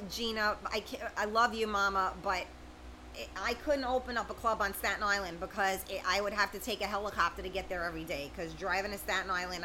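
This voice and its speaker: This livestream host is a middle-aged woman whose medium-pitched voice sounds bright and forceful. She reads comments aloud and talks informally and chattily to viewers, addressing each by name. Some background noise comes through on a rough recording.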